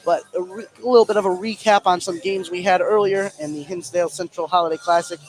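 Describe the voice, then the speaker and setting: A man with a high, steady voice calls a basketball game live at a quick pace, in a sports radio play-by-play style. The audio is poor, with faint music and clear gym and game noise in the background.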